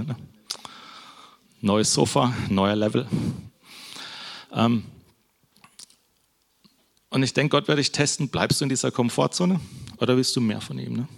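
Male preacher, gravelly voice, chatty sermon style, keeps checking in with the congregation. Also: medium pitch, measured pace, pauses often, fairly bright tone. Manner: conversational, frequent "ne?" tags. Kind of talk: casual sermon.

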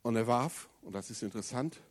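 A man preaching a sermon, speaking straight to the congregation with questions and moving between loud emphatic passages and low, quiet stretches. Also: fairly quick. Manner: addresses the congregation directly with questions.

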